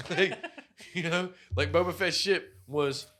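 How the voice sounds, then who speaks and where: A podcast co-host tells rambling stories in casual, profane chat, swearing heavily and leaning on "like" as a filler. His voice is on the high side with a sharp tone, and he takes it slowly.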